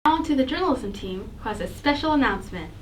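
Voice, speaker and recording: A woman's voice: high-pitched, expressive, quick pace, faint music behind. A teenage girl reading scripted announcements as a student anchor and reporter.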